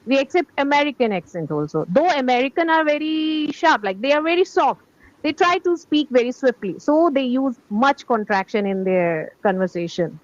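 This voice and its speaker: A woman's voice: high-pitched, lively intonation, moderate pace, no room sound, lo-fi sound. A woman school teacher from India with an Indian English accent, a native Hindi speaker, talking in a casual, hesitant way with many fillers. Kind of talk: casual conversation.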